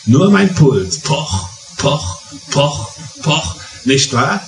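Speaking extremely slowly in a sing-song, medium-pitched voice, a middle-aged Palatinate man with a matching German accent delivers a sermon built on stories and emphatic repetition. He's recorded from a distant mic in an echoey hall, with faint music behind him.

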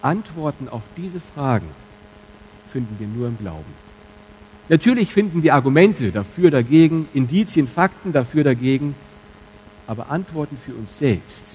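A man with a medium-pitched voice preaches to his church congregation as their pastor, speaking openly and directly, his delivery swinging between quiet asides and loud emphasis. The audio is poor, with slight background noise.

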